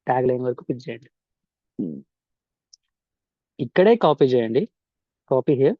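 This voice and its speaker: A man's voice: medium pitch, animated, fast, dry recording, muffled recording. A man with a Telugu accent giving an informal step-by-step tutorial voice-over, switching between Telugu and English mid-sentence and repeating instructions. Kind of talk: informal software tutorial narration. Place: indoor voice-over for screen recording.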